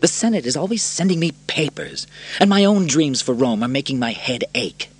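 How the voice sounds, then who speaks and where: A man's voice: mid-range voice, animated, fairly quick, breathy edge, voice pushed up. A man voicing a moody, menacing young emperor who sounds plaintive and petulant.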